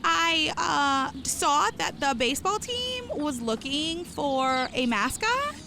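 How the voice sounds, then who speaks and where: A woman's voice: sits high, sing-song, takes it slowly, gravelly, very noisy, full character voice. A woman voicing a dopey, earnest, proud cartoon dinosaur mascot in an improvised comedy interview. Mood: earnest, defensive.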